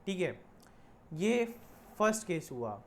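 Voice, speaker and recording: A woman's voice: on the low side, big pitch swings, slow, darkish tone, a little hiss or hum. A woman teaching an online commerce lesson, mixing Hindi with Indian-accented English and repeating key points. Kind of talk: online lecture.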